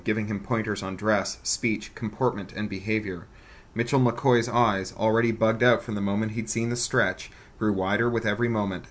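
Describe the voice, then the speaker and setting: A man reads an audiobook story aloud in a measured, wry way. His voice sits on the low side for a man. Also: a bit bright. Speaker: narrator. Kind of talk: audiobook narration.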